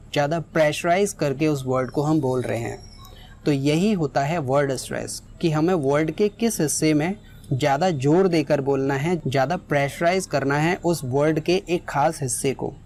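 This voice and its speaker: A woman's voice: deep voice, darkish tone, a little hiss or hum. A woman teaching English pronunciation, explaining step by step and mixing in English phrases. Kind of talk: spoken lesson with examples.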